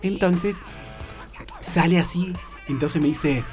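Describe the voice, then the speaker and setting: A man's voice: fairly high pitch, slow, over music. A man with a Rioplatense accent hosting a radio comedy show, telling a story in a camp, theatrical way full of hesitations and fillers. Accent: Rioplatense Spanish. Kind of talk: comic storytelling.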